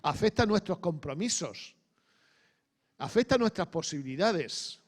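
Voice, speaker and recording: A man's voice: high-pitched, unhurried. A middle-aged man giving a conversational sermon, often checking in with the audience. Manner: animated, asks the audience frequent questions. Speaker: preacher. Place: church hall.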